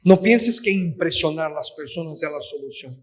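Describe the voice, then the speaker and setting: Male preacher, high voice, emphatic sermon delivery. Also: expressive, moderate pace. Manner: emphatic, addresses listeners as "queridos". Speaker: pastor.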